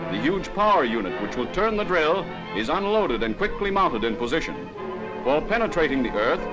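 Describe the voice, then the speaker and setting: A man delivers old newsreel narration in a brisk, formal announcing manner. His voice sits somewhat high and swings in lively rises and falls. The dull, lo-fi soundtrack carries clear music beneath him.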